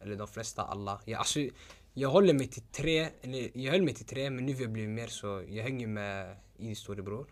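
A young man in a casual chat, slangy and hesitant. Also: lowish voice. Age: young adult. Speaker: guest.

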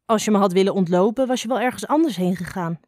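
A woman's voice: medium pitch, fast talker, a little mellow, no echo, studio quality, close to an everyday voice. A woman voicing a young orphaned girl snake who is shy, chatty and artless, in a storybook reading. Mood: friendly. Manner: gushing, artless.

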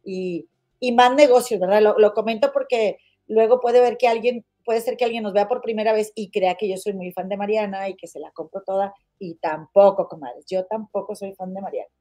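A woman's voice: mid-range voice, moderate pace, warm tone. A woman with a Mexican accent hosting a casual livestream, gossiping bluntly and calling her viewers comadres as she reads their comments. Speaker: livestream host.

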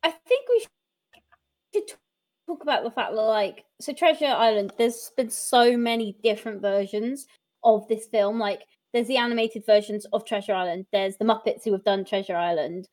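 A woman's voice: mid-range voice, moderate pace, a little mellow. A woman in her twenties hosting a podcast in casual chat, chatty, laughing often and trailing into fillers. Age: 20s. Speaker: podcast host.

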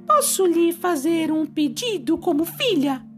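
Woman voicing a high, sweet, sorrowful young mermaid. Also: very animated, unhurried, faint music behind, heavily acted. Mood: sweet pleading. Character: sad, sweet, grateful young mermaid, daughter of nature. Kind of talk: children's storybook acting.

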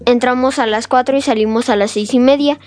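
A woman's voice: a little high, steady tone, fairly quick, a little mellow, no echo, soft background music. A woman, a scout guest on a radio show, explaining details steadily. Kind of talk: casual radio chat.

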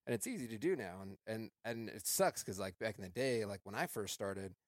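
A man hosts a podcast in relaxed chat, circling his questions with restarts and drawn-out phrases. His voice sits a little low. The recording is dry and close. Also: no echo. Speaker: podcast host. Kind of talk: casual interview chat.

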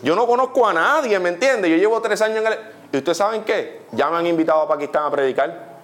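A young man with a Puerto Rican accent preaching a testimony sermon, animated, often saying "literally" and putting questions to his listeners. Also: a little high, quick pace. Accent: Puerto Rican Spanish.

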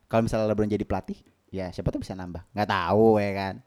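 A man's voice: on the low side, fairly even intonation, fast, darkish tone, smooth. A man co-hosting a podcast in casual, joking banter. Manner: joking, banter-heavy, mixes English phrases. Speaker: podcast co-host. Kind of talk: casual chat.

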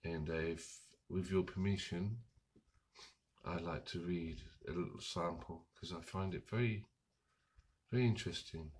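A hoarse man with a cold, chatting casually and summarizing a book, often losing his thread. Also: low voice, fairly even intonation, unhurried, darkish tone. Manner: rambling, loses his thread and restarts. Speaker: book vlogger.

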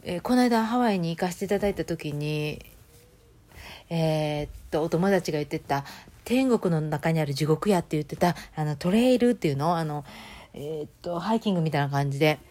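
Chatty Kansai woman, lowish voice. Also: a little fast, mellow. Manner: chatty storytelling, acting out quoted voices. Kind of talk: casual chat.

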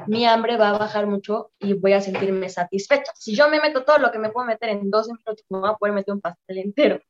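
Lady explaining calmly in an interview, kinda high voice, muffled lo-fi sound. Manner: calm, explanatory, gives direct advice to listeners. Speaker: guest expert on anxiety and depression. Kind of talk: conversational advice in an interview.

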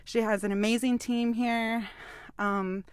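A woman's voice: a little high, steady tone, measured pace, clean tone, no room sound, clean studio sound. A woman hosting a live podcast on location at an outdoor community event, upbeat and a little out of breath. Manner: enthusiastic, upbeat. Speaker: podcast host.

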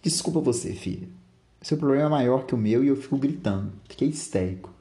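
A man voicing a short-tempered middle-aged father who shouts insults, then turns remorseful. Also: medium pitch, animated, brisk, roomy sound, natural voice. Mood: remorseful coaxing.

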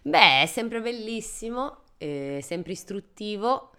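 A woman's voice: medium pitch, animated, slow pace, sharp tone, clean tone. A woman co-hosting a casual chat, joking and irreverent, swearing freely. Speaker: podcast co-host.

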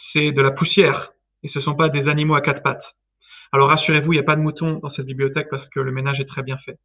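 A man giving a talk from a library, starting it in a playful, storytelling way. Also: a little high. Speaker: guest speaker, theology student. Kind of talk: talk with a light intro. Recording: tinny phone-like online call.

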